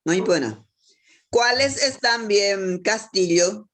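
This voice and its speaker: Woman teacher, unhurried delivery, mid pitch; quizzes the class and praises answers. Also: lively intonation, fairly bright tone. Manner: asks questions and praises answers. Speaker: language teacher. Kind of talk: classroom instruction.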